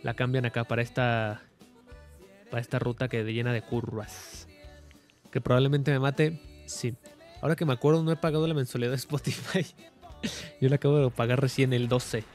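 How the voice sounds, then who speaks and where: A young man with a Mexican Spanish accent, casually commenting on a driving game with joking, excitable outbursts. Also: mid-range voice, moderate pace, faint music behind. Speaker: streamer.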